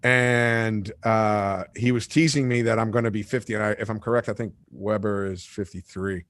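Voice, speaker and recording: A man's voice: lowish voice, moderate pace. A man in his late forties hosting a fishing talk show, chatting casually and joking, acting out quotes in his stories. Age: 40s. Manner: animated joking storyteller with acted-out quotes. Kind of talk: casual live-stream chat.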